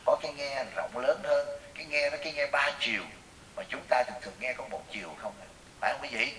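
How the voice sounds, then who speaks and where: A man with a Southern Vietnamese accent, giving a Buddhist sermon as a teacher and telling lively stories that question the audience. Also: medium pitch, fast. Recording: echoey room, voice from far off, faint hiss.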